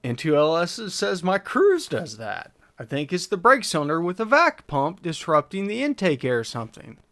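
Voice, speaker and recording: This livestream host answers engine-tuning questions from chat, voicing his thoughts as he goes and leaning on fillers in a laid-back way. He's a man with a fairly high, somewhat bright voice that swings hugely in pitch at a moderate pace.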